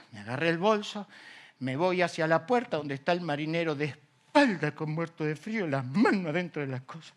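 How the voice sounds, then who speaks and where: Rioplatense pastor guy, animated storytelling sermon, high ringing voice. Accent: Rioplatense Spanish.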